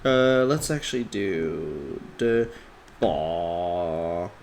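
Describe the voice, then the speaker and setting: A relaxed, unhurried streamer breaks down a song's melody on a live stream. They hum phrases on "da" and "ba" syllables to show the rhythm. They think aloud in a loose, casual way and answer viewer requests between examples. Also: mid-range voice. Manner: hums melodies on nonsense syllables to demonstrate. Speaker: music analysis streamer.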